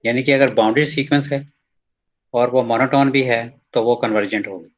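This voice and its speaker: A man teaching a math proof in a recorded lecture. He reads textbook lines slowly, then explains them in casual Hindi, mixing in English terms and often checking in with "ठीक है". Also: medium pitch, steady tone, lo-fi sound.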